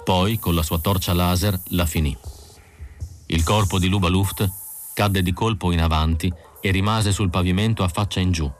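A man narrating an audiobook in a measured, even manner. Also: sits low, a little hiss or hum. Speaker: audiobook reader.

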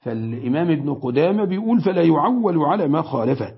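A man's voice: on the high side, sing-song, fast talker. A man with an Egyptian accent teaching Islamic law in a religious lesson, often asking his listeners questions and answering them himself. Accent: Egyptian Arabic. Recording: dull lo-fi recording.

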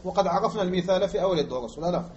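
A man from Algeria teaching Arabic morphology as a lecture, repeating example words slowly and quizzing his listeners. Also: sits high, lively intonation, a little mellow. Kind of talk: classroom lecture explaining grammar. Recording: muffled lo-fi recording.

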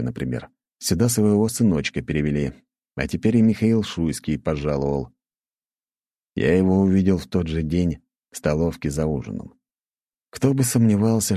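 A man reading a first-person audiobook in an even, matter-of-fact way. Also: sits low, no echo, studio quality. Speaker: audiobook narrator. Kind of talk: scripted first-person narration.

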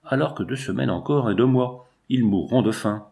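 A man's voice: mid-range voice, creaky, darkish tone, natural voice. Man reading as a cold, calculating strike leader. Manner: measured, cool and persuasive. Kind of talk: audiobook reading.

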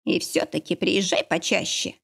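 Woman reading a firm father, blunt, own husky voice. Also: lowish voice, steady tone, moderate pace, a bit bright, full character voice. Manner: blunt, reassuring. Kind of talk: audiobook character reading.

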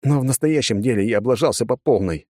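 A man's voice: mid-range voice, quick pace, dark tone, no room sound, studio quality, voice pushed up, natural voice. A man voicing a stubborn, guilt-ridden young soldier in a clipped, tense way.

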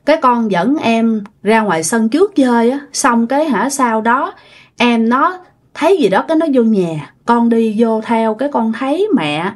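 A woman's voice: on the high side, lively intonation, moderate pace. A woman with a Southern Vietnamese accent voicing a little boy who cries and pleads for his dead mother. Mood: sad recounting.

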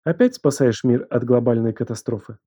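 A man voicing a young female student with a soft, trembling voice pitched well above his own. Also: fairly quick, slightly rough, natural voice. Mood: playful teasing. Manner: soft, trembling, near whisper.

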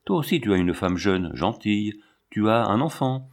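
A man's voice: lowish voice, animated, moderate pace. A man reading an audiobook, voicing a proud, firm middle-aged woman who speaks sternly and refuses. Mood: pleading.

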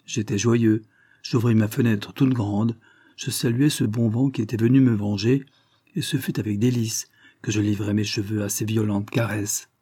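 Male audiobook narrator, measured and even, mellow husky tone. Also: on the low side, no room sound, studio quality. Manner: measured, even first-person reading. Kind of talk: scripted storybook narration.

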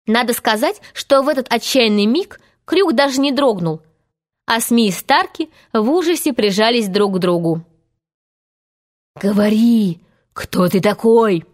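A woman narrating a storybook in a calm, measured reading voice. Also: on the high side.

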